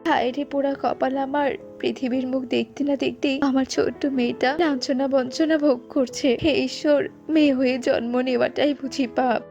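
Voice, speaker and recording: A woman voicing a poor young mother and maid in a cartoon, gentle and pleading. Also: high-pitched, steady tone, a little fast, creaky, few pauses, highs cut off, faint music behind. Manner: pleading, tearful. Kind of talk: cartoon voice acting.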